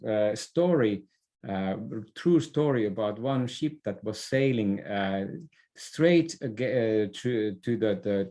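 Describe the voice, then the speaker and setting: Speaking as an interview guest, a leadership expert with a slightly low, mellow voice talks through his ideas. The delivery is slow-paced, halting, and conversational, full of repeated words and self-corrections.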